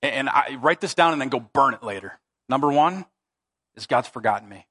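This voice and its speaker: A man's voice: medium pitch, lively intonation, fairly quick, fairly bright tone, slightly rough. A middle-aged man preaching a sermon as pastor, in an emphatic, conversational way, in a church. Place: church sanctuary.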